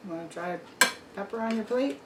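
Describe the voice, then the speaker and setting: A woman chats through her home cooking vlog, telling viewers about each dish as she serves it. The room is echoey, with clear background noise around her. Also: mid-range voice, normal speed, far from the mic. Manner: chatty, narrates the food to viewers. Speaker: cooking channel host. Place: home kitchen and dining table.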